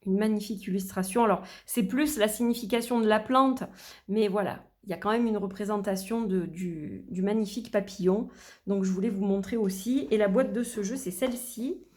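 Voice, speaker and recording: A woman's voice: medium pitch, a little mellow. A middle-aged woman vlogging in a casual, chatty way, with many fillers and restarts, her voice a little worn. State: losing her voice. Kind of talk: casual chat.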